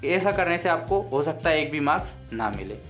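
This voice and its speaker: A teacher with an Indian accent, a native Hindi speaker, gives an exam lesson in a fairly high, sing-song, fairly bright voice while faint music plays behind him. He explains step by step, repeats key points and reads things out slowly and deliberately.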